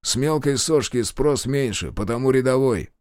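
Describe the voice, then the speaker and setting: A man voicing a weary, bitter middle-aged pilot under interrogation, speaking slowly and gruffly. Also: medium pitch, a little mellow, no room sound, studio quality, pitched above the performer's own voice, lightly acted. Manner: slow, gruff, bitterly candid.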